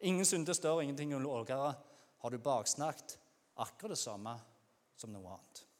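Male preacher, Norwegian accent, mid pitch, chatty sermon delivery with acted outbursts, long hall reverb. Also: animated. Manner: conversational preaching, acts out shouted cries.

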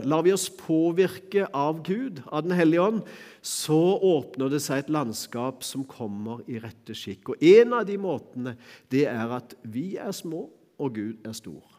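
Middle-aged male preacher, slightly high voice, relaxed conversational sermon, reverberant church. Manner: conversational preaching with chuckles and fillers.

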